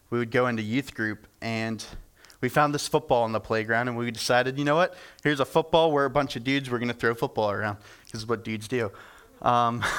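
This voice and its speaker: A young man delivers a laid-back sermon full of personal stories. His voice is smooth and clear at a middle pitch. He talks in a chatty way, pokes fun at himself and uses plenty of ums and uhs. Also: fairly bright tone. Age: young adult. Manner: chatty, self-deprecating, many fillers. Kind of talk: casual storytelling sermon.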